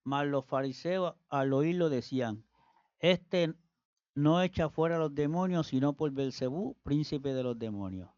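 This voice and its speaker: A man reading Bible passages aloud in a steady, measured way. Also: a little high, dry recording, muffled recording. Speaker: scripture reader.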